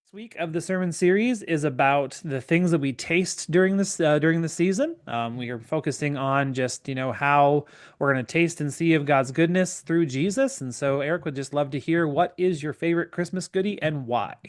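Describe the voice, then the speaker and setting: An encouraging man hosting a casual church podcast panel. He asks his guests questions and fills the gaps with quick, friendly affirmations. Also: fairly high pitch. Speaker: podcast host.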